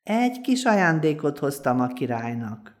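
A woman's voice: low voice, sing-song. A humble poor peasant man from an old folk tale, plain-spoken and earnest, as a woman storyteller puts him on. He talks simply and sincerely, like a modest villager.

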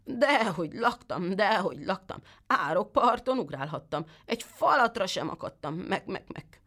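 A woman voicing a sly, lying female goat who whines in drawn-out sing-song rhymes and bleats. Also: mid-range voice, animated, a bit bright, pitched above the performer's own voice. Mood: complaining.

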